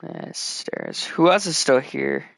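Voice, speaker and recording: Casual gamer guy, gravelly and slow, lively pitch, rambling let's-play commentary. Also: no room sound, studio quality. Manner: rambling, mumbles counts while building.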